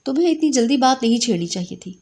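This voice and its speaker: A woman's voice: fairly high pitch, warm tone, lightly acted. A woman voicing a caring middle-aged mother who is soothing but stern.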